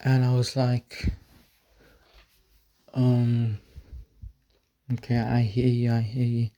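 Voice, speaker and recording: A man telling a story to the camera in a casual vlog, rambling and halting, repeating words and swearing casually. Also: mid-range voice, monotone, mellow.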